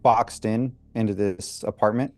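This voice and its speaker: A man's voice: fairly low pitch, steady tone, a little slow, darkish tone. A man chatting casually as a player in a tabletop role-playing game.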